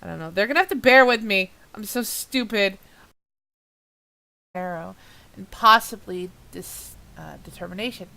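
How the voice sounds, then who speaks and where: A woman's voice: medium pitch, moderate pace, gravelly, pushed and bright. A woman reading a fan story aloud who keeps stumbling, swearing and laughing at her own mistakes in a self-mocking, exasperated way. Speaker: reader of a fan-fiction audio drama. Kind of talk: blooper reel while reading aloud.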